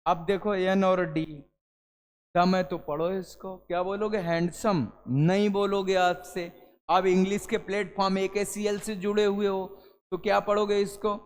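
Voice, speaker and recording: High-voiced man teaching. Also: flat delivery, moderate pace, in a large hall, a little hiss or hum. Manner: addresses students as "beta", asks and answers his own questions. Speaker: English teacher. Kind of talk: classroom lesson to students.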